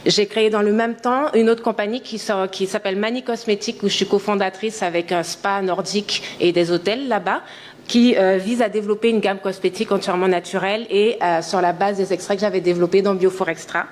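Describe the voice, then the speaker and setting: A woman in her thirties from French Guiana gives a conference talk as an entrepreneur. She speaks earnestly and with enthusiasm, her medium pitch broken by frequent hesitations. A faint hiss of noise sits under her voice. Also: steady tone, a little fast. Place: conference hall.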